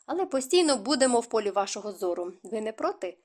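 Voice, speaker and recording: A composed young duke, unfailingly courteous and calm, as a woman reader puts him on. He is read from a storybook in a slightly lower, quieter voice. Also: fast talker.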